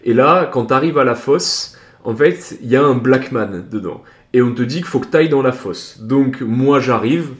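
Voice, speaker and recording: A young man telling an army story to his podcast listeners in a slangy, animated way, full of fillers, with a mid-range voice. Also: medium pitch, normal speed. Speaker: podcast host. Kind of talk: casual storytelling. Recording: roomy echo.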